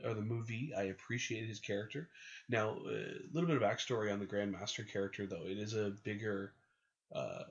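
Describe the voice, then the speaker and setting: Podcast guy who keeps second-guessing himself, lowish voice, dull lo-fi sound. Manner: hedging, self-correcting. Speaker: podcast co-host. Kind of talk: casual chat. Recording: dull lo-fi recording.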